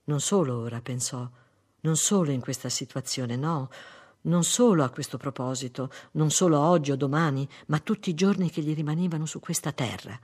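A narrator reading a literary story aloud in a measured, unhurried way. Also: medium pitch, a little mellow, breathy edge.

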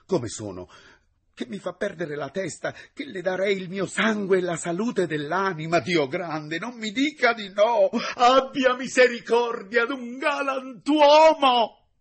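A man voicing an impassioned, lovestruck male secretary who pleads in an agitated voice that rises almost to shouting. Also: high voice, a little slow, husky, voice pushed up, heavily acted. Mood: desperate pleading.

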